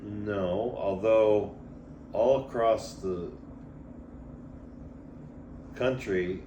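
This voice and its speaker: A man's voice: on the low side, extremely slow, mellow, lo-fi sound. An older man reminiscing in a rambling, hesitant way, often trailing off as he tells his story in casual talk. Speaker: storyteller guest. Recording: echoey room, audible background noise.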